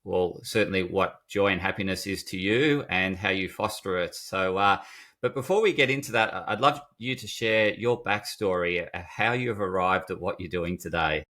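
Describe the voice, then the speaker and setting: A man's voice: low-pitched, normal speed, pushed and bright. A man hosting a podcast interview, enthusiastic and rambling, often restarting his sentences. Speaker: podcast host. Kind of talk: podcast interview, scripted intro.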